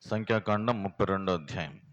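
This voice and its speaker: A man's voice: sits low, fast talker, fairly bright tone, highs cut off. A pastor, preaching a plain, homely sermon and firing rhetorical questions at his congregation in a prayer house. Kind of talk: sermon teaching.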